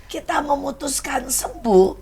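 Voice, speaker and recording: A woman's voice: high voice, animated, a little slow, vocal fry, mellow. A woman co-hosting a casual talk show, supportive and often finishing the guest's sentences. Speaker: co-host.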